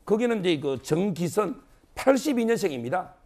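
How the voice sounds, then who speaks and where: High-pitched male lawyer, filler-heavy. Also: big pitch swings, moderate pace, a little mellow. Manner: explanatory, heavy use of filler words, repeats key phrases. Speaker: lawyer panelist. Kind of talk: TV panel commentary.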